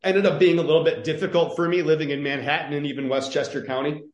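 A man's voice: fairly high pitch, flat delivery, fast talker, roomy sound. A man from northern Michigan, a podcast guest, telling stories in a chatty, casual way with many fillers and restarts. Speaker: podcast guest, public health entrepreneur. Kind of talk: casual conversational interview.

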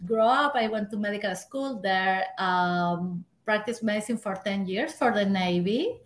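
A woman's voice: medium pitch, measured pace. A woman from Peru in her forties with a Peruvian Spanish accent, a physician who chats casually as an interview guest, laughs often and restarts words. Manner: laughs often, repeats words when starting. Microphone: remote call. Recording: roomy echo.

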